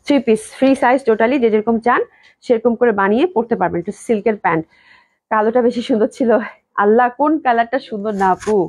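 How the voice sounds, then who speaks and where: A young woman, hoarse from a cold, gushing with repeated praise as she sells clothes on a live stream. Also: fairly high pitch, a little mellow, dry recording. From Bangladesh. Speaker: online clothing seller.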